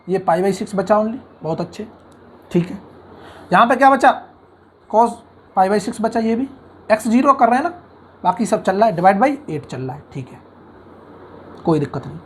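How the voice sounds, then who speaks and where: A man teaching engineering mathematics in an online lecture, coaxing the class with constant questions and acting out imagined student objections. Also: high-pitched. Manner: brisk, coaxing teacher who asks the class questions and answers them.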